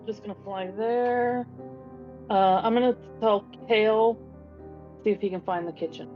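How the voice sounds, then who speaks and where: A woman's voice: medium pitch, fairly even intonation, measured pace. A woman plays a tabletop game on a livestream, talking in a blunt, offhand way with casual swearing. Her voice comes through dull, lo-fi audio, with faint music in the background. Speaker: player.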